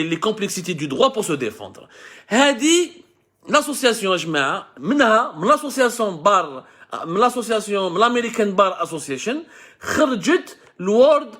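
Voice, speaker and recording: An Algerian-accented man in his thirties hosts a live commentary, his voice sitting high for a man. He talks with passion and keeps breaking off to restart and correct himself. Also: a bit bright. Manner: impassioned, with frequent restarts and self-corrections. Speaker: host of a live online show.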